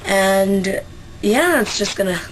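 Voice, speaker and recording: The young vlogger from Central Canada speaks slowly and expressively in a mid-range voice with a Canadian accent. Her casual dialect-survey chat is hesitant, with many fillers and restarts, on a low-quality recording carrying a little hiss or hum.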